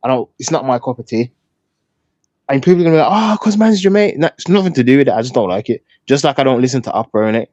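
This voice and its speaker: Speaking rapid-fire in a mid-range, slightly mellow voice, this man co-hosts a podcast and chats casually, candidly working through his opinions. There's no echo; the sound is dry, dull and a bit lo-fi.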